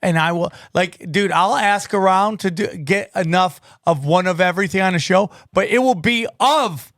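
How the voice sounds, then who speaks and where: A man hosting a podcast, talking in an animated, ranting way and swearing freely. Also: high voice, normal speed, dry recording, clean studio sound. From Armenian family from Turkey. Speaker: podcast host. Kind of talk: casual podcast chat.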